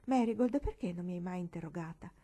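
A woman voicing a gentle, loving widowed mother in a storybook reading, speaking softly and tenderly. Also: fairly low pitch, quick pace, lightly acted. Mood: amused. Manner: soft and tender, amused then hushed.

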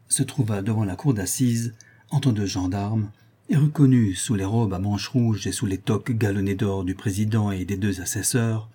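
A man narrating a short story aloud in a measured, expressive way. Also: fairly low pitch, slightly rough. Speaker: audiobook reader.

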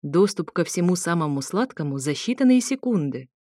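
A woman's voice: lowish voice, lively intonation, moderate pace, a little mellow, no room sound, clean studio sound. A woman voicing a teasing young husband. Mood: affectionate.

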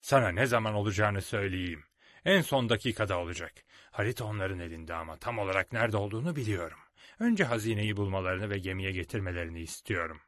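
Long John Silver, a sly pirate cook, as a storyteller reads him. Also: male voice, fairly low pitch, fast talker, a bit bright, no room sound, clean studio sound, pitched below the performer's own voice, lightly acted. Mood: ruthless. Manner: smooth-talking, coaxing, then coldly ruthless. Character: scheming one-legged male pirate cook. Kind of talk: storybook read-aloud.

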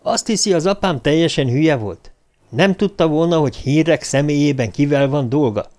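A man's voice: a little high, a little mellow, pitched above the performer's own voice, lightly acted. A male audiobook reader voicing a defiant young man who accuses his enemy in a raised, heated voice. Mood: heated accusing.

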